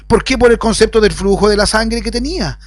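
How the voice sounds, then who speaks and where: A man preaching a sermon, swinging between loud emphatic rises and quiet lowered phrases. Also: brisk, no echo. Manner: preaching with sudden rises and drops in pitch. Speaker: pastor. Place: at home.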